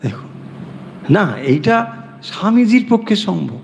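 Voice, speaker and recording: A man teaching a scripture class. He explains Sanskrit verses word by word and slows down when he recites them. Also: sits high, animated, slight background noise. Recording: long reverb in a hall.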